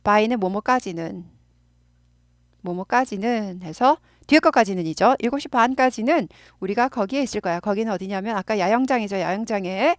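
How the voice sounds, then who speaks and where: A woman's voice: medium pitch, normal speed, no room sound, studio quality. A woman with a Korean accent, an English teacher patiently explaining grammar and drilling pronunciation by repeating phrases.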